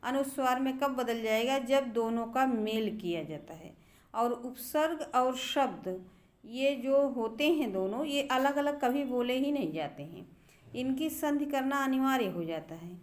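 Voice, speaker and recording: Woman, teacher, middle-aged, fairly high voice, patient, slow repeated words, grammar lesson. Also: lively intonation. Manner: patient, repeats words slowly to show pronunciation. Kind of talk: explaining grammar to students.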